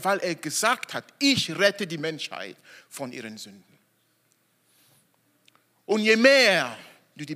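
A man's voice: sits high, pushed and bright. A man preaching an emphatic sermon, repeating phrases and stressing each word. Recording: long hall reverb.

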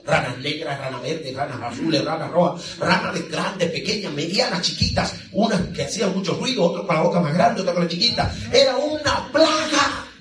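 A man's voice: high-pitched, a bit bright, far from the mic, a little hiss or hum. A man preaching a sermon, telling the story in a vivid, dramatic way with humor, recorded from afar in an echoey church hall.

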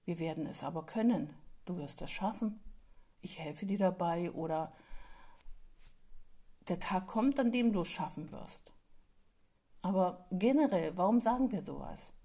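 A woman's voice: fairly low pitch, expressive, unhurried, pauses often, warm tone, husky. A woman giving an earnest motivational talk to parents, pleading and repeating phrases for emphasis, sometimes dropping to a whisper. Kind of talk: motivational monologue.

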